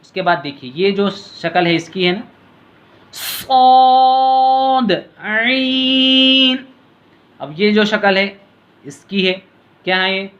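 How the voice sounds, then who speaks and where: A man teaching letter reading step by step. He calls out each letter name in a long, drawn-out tone, then explains quietly in a lower voice. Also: highs cut off. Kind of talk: patient step-by-step reading lesson.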